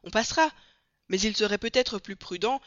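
A reader voicing an excitable young French manservant in an audiobook, speaking up insistently and trying to finish his sentences. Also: mid-range voice, normal speed, no room sound, pitched above the performer's own voice, lightly acted. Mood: flustered insistent. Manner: raised, insistent, keeps getting cut off. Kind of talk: audiobook character voice. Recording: dry, dull lo-fi read.

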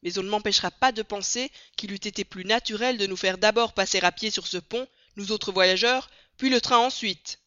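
A reader voicing an excitable young French manservant in an audiobook, speaking up insistently and trying to finish his sentences. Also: medium pitch, normal speed, few pauses, no echo, close to an everyday voice. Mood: indignant. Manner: raised, insistent, keeps getting cut off. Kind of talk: audiobook character voice. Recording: dry, dull lo-fi read.

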